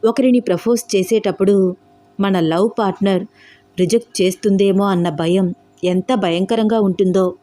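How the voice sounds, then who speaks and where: A woman doing a calm, gently persuasive young man. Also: medium pitch, moderate pace, faint music behind, lightly acted. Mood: earnest. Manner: patient, persuasive.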